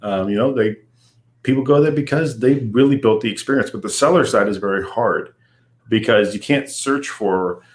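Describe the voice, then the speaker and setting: A man's voice: lowish voice, moderate pace. A man, a company CEO, speaking as an interview guest and explaining things at length with many "um"s and "you know"s. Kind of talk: casual business interview.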